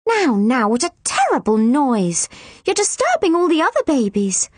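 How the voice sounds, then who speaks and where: A woman reading an audiobook voices a busy nurse who hushes a baby briskly. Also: high-pitched, huge pitch swings, no room sound, voice pushed up. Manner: soothing but brisk.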